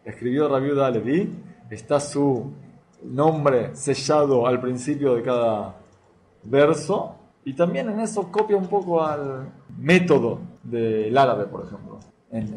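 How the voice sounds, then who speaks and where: A man's voice: mid-range voice, unhurried, darkish tone, slight background noise. A man teaching a lesson on a religious text. He reads passages aloud, then explains them and puts questions to his students.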